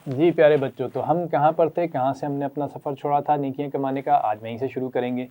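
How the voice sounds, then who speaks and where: A man's voice: medium pitch, fairly even intonation, dark tone. Encouraging man teaching children to read Quran. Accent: Pakistani Urdu. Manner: encouraging, praises often and leads repetition. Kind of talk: children's Quran reading lesson.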